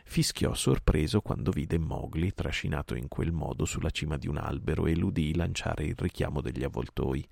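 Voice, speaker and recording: A man narrating a classic story in a calm, steady night-time reading. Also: very deep voice, normal speed, vocal fry, few pauses, no room sound, studio quality.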